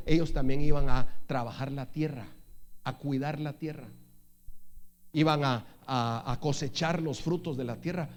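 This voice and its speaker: A pastor preaches a sermon in a church hall with long reverb and faint guitar music behind him. He speaks conversationally at a medium pitch, asks the congregation questions, and reads scripture slowly, loudly, and forcefully.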